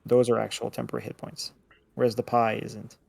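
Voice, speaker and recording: A man acting as dungeon master, narrating a tabletop game casually, with many halting restarts. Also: mid-range voice, level tone, creaky, a little mellow, dry recording. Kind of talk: running a tabletop game session. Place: home setup, streaming online.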